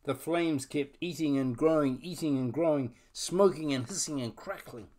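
A man with a New Zealand accent reading a children's story aloud in an expressive way, then speaking to a church congregation. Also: on the high side. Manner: expressive storytelling, drawn-out phrasing.

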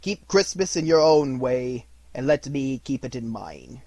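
A man's voice: mid-range voice, unhurried, creaky, breathy edge, no room sound. A man voicing a stern, scornful old miser in a storybook reading, growling indignantly with emphatic delivery.

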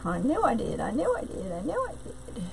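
A woman's voice: sits high, huge pitch swings, fairly quick, gravelly, a little hiss or hum, rough recording. A middle-aged woman, hosting a casual craft live stream, bubbly and greeting viewers by name.

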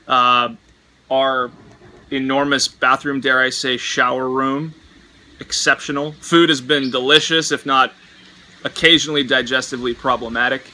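A man's voice: mid-range voice, steady tone, normal speed, sharp tone. A man in his thirties, a marine biologist, vlogging on a bungalow porch in a wry, dryly humorous way, speaking into a camera held at arm's length. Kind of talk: casual travel vlog. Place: outdoor porch of a tropical bungalow.

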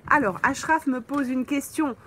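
A woman teaching French on a live stream, slowly answering viewers' comments with frequent pauses and fillers, from a holiday mobile home. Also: high voice, slight background noise. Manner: slow, patient, thinks aloud with many fillers.

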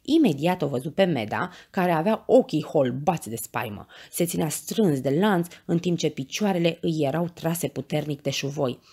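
A woman reading a children's bedtime story aloud, with expressive, animated narration. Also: low-pitched, hardly any pauses, breathy edge.

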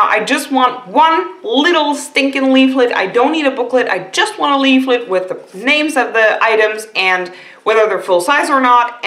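A woman's voice: on the high side, fairly bright tone, reverberant. A woman beauty vlogger chatting casually and rambling through a box unboxing, with frequent fillers.

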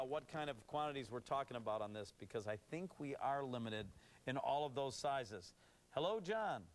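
A middle-aged American man working as a home shopping host, selling enthusiastically live with item numbers and prices. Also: a little high. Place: TV studio set. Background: music.

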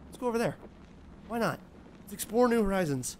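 A man's voice: high voice, lively intonation, brisk, background noise. A young man streams a horror game in a casual, jittery mutter, often repeating himself and cursing. He sits at a close mic indoors, with faint game ambience behind him. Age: 20s. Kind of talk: casual live gameplay commentary. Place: small indoor room, seated at desk.

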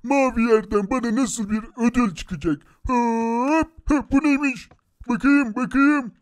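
A man voicing Nop, an excitable boy racer in a Minecraft animation, who keeps laughing and crying out in surprise. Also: very high-pitched, measured pace. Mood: excited. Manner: excitable, gasps and laughs often.

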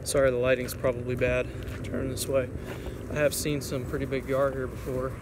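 A man's voice: medium pitch, normal speed. A young man in his twenties filming himself on a phone while fishing by a creek, talking casually and rambling with lots of fillers. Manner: relaxed and rambling, many fillers. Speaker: fishing vlogger. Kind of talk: casual outdoor vlog. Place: outdoors by a creek under a highway overpass. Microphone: phone camera held at arm's length. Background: traffic and outdoor ambience.

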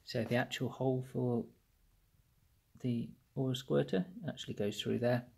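A man walks through a repair step by step in a husky, gravelly voice. His delivery stays flat and even, with small pauses and fillers as he works. It sounds like a phone recording in a workshop. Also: mid-range voice. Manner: plain step-by-step explaining with fillers. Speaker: engine rebuilder. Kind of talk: workshop how-to narration. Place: indoor workshop bench.

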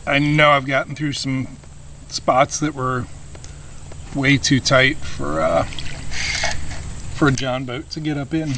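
A man in his thirties, seated in a kayak on a tight, wooded river, thinks aloud in an unhurried way with long pauses. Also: mid-range voice, little pitch movement, vocal fry, bright, forceful tone. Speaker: kayak angler. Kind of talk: casual fishing vlog. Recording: outdoor background noise.

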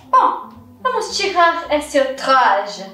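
A woman's voice: sits high, sing-song, extremely slow, sharp tone, full character voice. A woman playing a flamboyant, haughty, scatterbrained French hairdresser in a children's skit, theatrical, with a French accent and French words mixed in. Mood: fussy, delighted. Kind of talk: children's pretend-play skit. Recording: echoey room, distant mic, music behind.

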